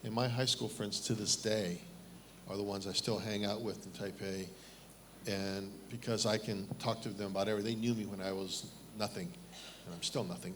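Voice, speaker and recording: A man's voice: fairly low pitch, a bit bright, a little hiss or hum. A middle-aged man from Taiwan speaking on a panel at a fireside chat, candid and self-deprecating, with frequent restarts.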